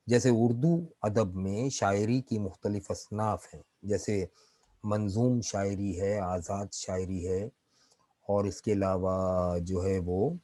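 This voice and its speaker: A man gives an online literature lecture in a low, mellow voice. He speaks at an unhurried pace, dropping in English terms and pausing to check that his students follow. The sound is close and dry. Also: no echo, low-quality recording. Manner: explanatory, keeps checking in with students. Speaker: literature teacher.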